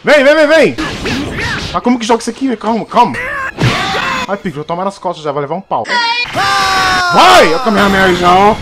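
A young man giving joking, excitable commentary while playing a game, shouting at the action. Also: high voice, brisk, long pauses. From Brazil. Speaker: gaming YouTuber. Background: game music.

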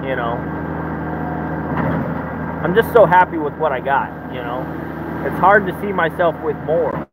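A slightly high, expressive voice belongs to a man in his thirties casually vlogging from his truck cab at an unhurried pace. He owns a truck business and rambles in a laid-back way into a phone held at arm's length for a talking-head video. The engine can be heard on the phone recording.

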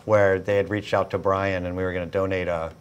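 A man in his forties speaking in a measured way as an interview guest in a studio. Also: low-pitched, little pitch movement, slight background noise. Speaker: business partner, interview guest. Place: small indoor video studio.

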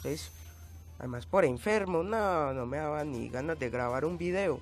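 A man's voice: fairly high pitch, lively intonation, normal speed, soft background music. A man giving gameplay commentary, coughing and sounding changed by a cold, yelping and screaming at in-game hazards. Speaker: let's play gamer.

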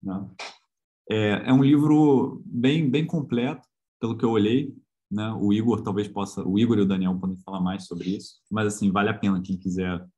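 A man with a Brazilian Portuguese accent teaching physics in an informal online class. His voice sits a little low. He keeps things conversational, hesitating often and checking in with tag questions. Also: steady tone, normal speed, warm tone. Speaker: physics lecturer.

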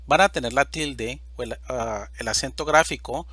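A man teaching a slide-based Spanish grammar lesson, speaking slowly and deliberately and stressing each example word loudly. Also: medium pitch, breathy edge, no room sound.

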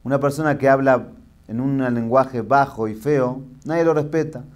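A middle-aged man, a rabbi giving a sermon and telling jokes as a lively storyteller. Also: medium pitch, moderate pace.

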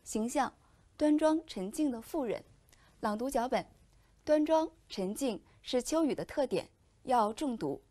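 Clear, measured woman teacher, fairly high voice. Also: expressive, mellow. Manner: clear, measured explanatory delivery. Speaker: Chinese language teacher. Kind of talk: recorded lesson explanation.

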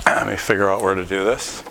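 A middle-aged male lecturer with a lowish voice, speaking in a lecture hall. He thinks aloud as he explains, breaking off and restarting his phrases. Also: flat delivery, moderate pace, creaky, heavy background noise. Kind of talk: university lecture.

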